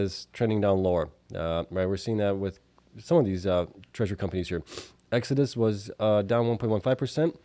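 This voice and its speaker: Sniffling and coughing a bit from allergies, a stock market video show host reads through the figures informally in a casual recap, adding offhand asides. His voice is on the low side and mellow, recorded with no room sound.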